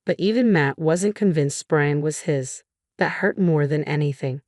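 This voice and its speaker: Low-voiced woman narrating a drama story. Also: measured pace, darkish tone, no echo, clean studio sound. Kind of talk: scripted first-person story narration.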